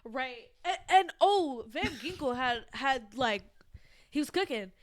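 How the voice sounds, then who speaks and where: A woman's voice: high voice, animated, slow, no room sound. A woman co-hosting a football podcast in loose, rambling chat, full of fillers and casual swearing. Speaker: podcast co-host.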